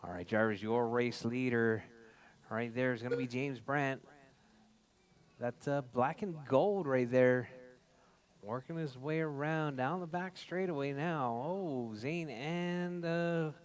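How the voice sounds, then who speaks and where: A man's voice: mid-range voice, slow pace. A man working as a race announcer, giving informal live commentary and repeatedly calling out drivers and positions. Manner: informal, repetitive calls to drivers.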